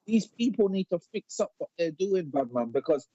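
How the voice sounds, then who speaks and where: A man's voice: high voice, moderate pace, no room sound. Man telling a story in slang, muffled. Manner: animated storytelling with street slang and repeated words. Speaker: panel guest. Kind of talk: casual debate chat. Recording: dull lo-fi live stream audio.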